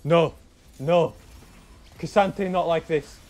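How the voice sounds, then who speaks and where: A young man streaming a strategy game, chatting to his viewers, excitable, repeating himself and bursting into shouts and laughter. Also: on the high side, drawn-out words, soft background music. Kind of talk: live gameplay commentary to chat.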